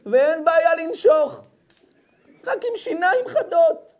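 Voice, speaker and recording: A rabbi preaching a fiery sermon to a live crowd. His voice is high for a man, and he swings from shouting to quiet, biting sarcasm. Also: lively intonation, dull audio. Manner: addresses the crowd directly. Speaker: rabbi giving a public lecture. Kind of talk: impassioned sermon.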